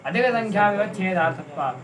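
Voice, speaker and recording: Male student, high pitch, short answers, faint hiss. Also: expressive, quick pace. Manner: answers and completes the teacher's lists.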